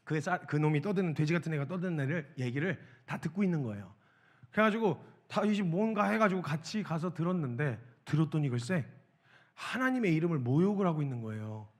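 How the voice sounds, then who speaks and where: A man preaching a sermon to students as a missionary, telling the story with lively acted-out dialogue. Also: fairly high pitch, fairly quick. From South Korea. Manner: animated storytelling, acts out dialogue with shouts.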